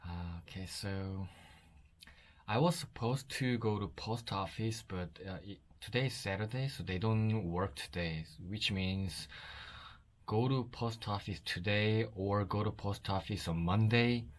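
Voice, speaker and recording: A man with a Korean accent chatting casually to his vlog in halting, simple second-language English, on a noisy handheld recording. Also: lowish voice. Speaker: vlogger.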